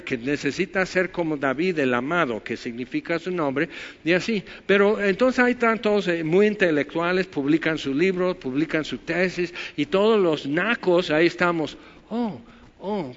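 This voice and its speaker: Mexican pastor, fairly high voice, sermon in a reverberant church, slightly muffled audio. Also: male voice, a bit bright. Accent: Mexican Spanish. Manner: conversational, rhetorical questions, wry asides. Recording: muffled with long hall reverb.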